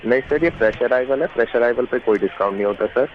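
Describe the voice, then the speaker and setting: A man's voice: mid-range voice, fast talker. A man working as a customer service agent, formal and polite, calling everyone sir. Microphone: phone. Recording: noisy, dull phone line.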